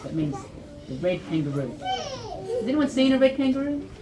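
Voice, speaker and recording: Her voice sits high and swoops wildly in pitch while she keeps a moderate pace. She's an Australian storyteller and presenter at a children's library event, informally teaching young kids with simple explanations and frequent questions. Children's chatter fills the echoey indoor event room, captured by a far-off mic.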